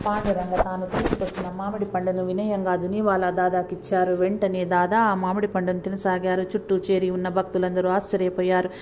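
A woman reading a saint's life story aloud, in a steady, measured way, pausing to correct her own slips. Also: on the low side, slight background noise. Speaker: narrator reading a saint's biography. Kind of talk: devotional book reading.

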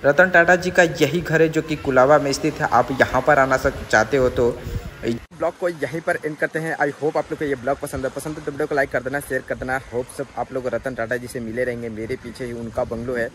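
A man's voice: medium pitch, steady tone, brisk, fairly bright tone, long reverb tail, a little hiss or hum. A young man filming himself outdoors by the sea, talking casually with many filler phrases and some English words mixed in. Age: young adult. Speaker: vlogger. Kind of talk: casual travel vlog. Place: outdoors by the sea, seaside garden. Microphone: phone at arm's length.

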